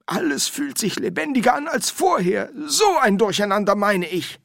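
A man's voice: sits high, very animated, moderate pace, vocal fry, a bit bright, no room sound, studio quality, voice pushed up, heavily acted. A man voicing a nervous, curious old male wizard who asks eager questions.

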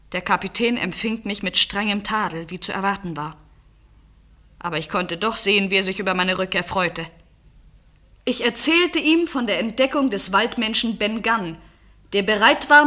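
A woman giving scripted first-person narration of an adventure story in a measured, vivid manner. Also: a little high, fairly bright tone.

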